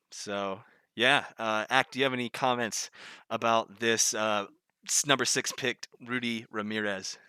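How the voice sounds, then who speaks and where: A man's voice: medium pitch, pushed and bright, clean tone, no room sound, clean studio sound. A man with a Southern US accent hosting a casual panel talk, rambling with lots of fillers. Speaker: podcast host.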